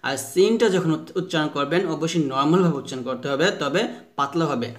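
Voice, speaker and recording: Patient man teaching letter pronunciation. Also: on the high side. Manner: slow drawn-out modelling of letter sounds with repetition drills; patient, repeats each point several times. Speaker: Quran recitation teacher. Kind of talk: pronunciation lesson.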